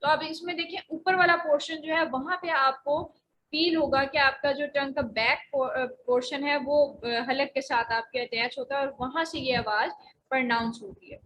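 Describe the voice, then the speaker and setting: A woman's voice: high-pitched, fairly bright tone, a little hiss or hum, low-quality recording. A woman teaching Quran recitation in an online lecture, explaining pronunciation patiently with frequent hesitations. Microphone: voice only, face not shown.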